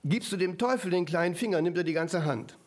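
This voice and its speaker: Ein Mann predigt mit auffallend hoher Stimme lebhaft und im Plauderton. Er wendet sich immer wieder mit kurzen Rückfragen ans Publikum. Dabei wechselt er zwischen schnellem Reden und langsamer Betonung. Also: male voice, sits high, a little fast. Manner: lively, conversational, with frequent asides to the audience. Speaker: preacher. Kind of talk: sermon.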